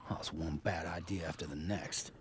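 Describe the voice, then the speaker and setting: A terse, gruff survivor speaks in a very low voice with dry, clipped remarks. Game sounds are clearly heard behind him. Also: male voice, fairly even intonation, moderate pace, noisy background.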